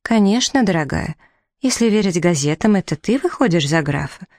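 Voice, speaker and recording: A woman's voice: fairly low pitch, expressive, normal speed, darkish tone, no room sound, clean studio sound. A woman reading the part of a playful, mischievous young woman who teases her sister with ironic remarks. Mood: teasing.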